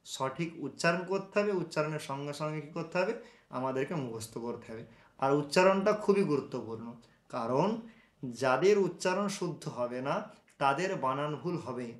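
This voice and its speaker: A man teaching Sanskrit grammar in an online lesson, who recites each sound slowly and answers his own questions. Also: on the high side, reverberant.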